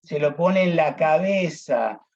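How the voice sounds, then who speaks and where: A deacon teaching a Bible class, emphatic, repeating key phrases and addressing listeners as brothers. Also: male voice, fairly high pitch, animated, takes it slowly, lo-fi sound.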